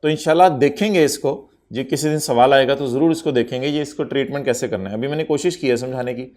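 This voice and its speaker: A man's voice: mid-range voice, quick pace, a little mellow. A man lecturing an accountancy class, teasing his students and dropping English terms into his explanation. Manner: code-switches into English terms.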